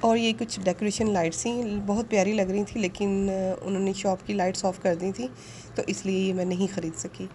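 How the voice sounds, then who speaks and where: A woman narrating a casual shopping vlog, speaking politely and earnestly, pausing with fillers now and then. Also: medium pitch, flat delivery, mellow, a little hiss or hum. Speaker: vlogger.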